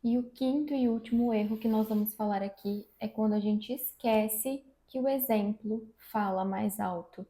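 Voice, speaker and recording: A woman, a mother co-hosting, giving measured parenting advice in a casual chat at home. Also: medium pitch, mellow. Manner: measured, advice-giving, repeats key phrases. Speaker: mother and channel co-host. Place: room at home. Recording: echoey room.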